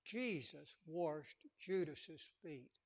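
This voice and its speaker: A man's voice: fairly high pitch, animated, very slow. A man preaching a sermon with passion, repeating words for emphasis and acting out quotes.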